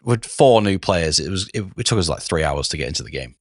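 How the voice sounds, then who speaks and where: A man with a sore throat and a rough, hoarse voice, rambling casually as a podcast co-host. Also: sits low, lively intonation, fast, no echo, clean studio sound. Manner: rambling, with frequent restarts and "like". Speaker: podcast co-host, game master. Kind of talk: casual chat.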